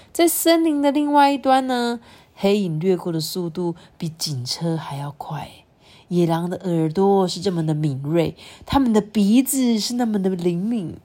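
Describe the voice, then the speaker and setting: A woman with a Taiwanese Mandarin accent reading a picture book aloud to her child, breaking off to ask questions and explain the story. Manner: expressive, sweeping pitch for drama, often quizzes the child. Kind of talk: storybook reading with chatty commentary.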